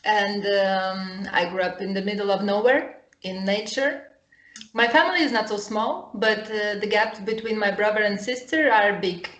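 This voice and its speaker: A woman of thirty from Lithuania, a guest chatting casually over a call and often pausing to search for English words. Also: mid-range voice, fairly bright tone. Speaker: guest, upcycling designer and potter. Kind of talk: casual chat. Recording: roomy echoey sound.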